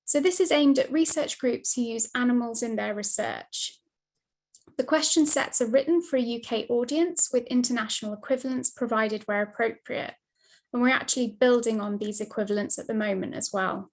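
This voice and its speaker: A woman giving a steady, scripted slide presentation over a video call, her mic cutting in and out. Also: on the high side, moderate pace. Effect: video call audio, mic cutting in and out. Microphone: computer mic on a video call.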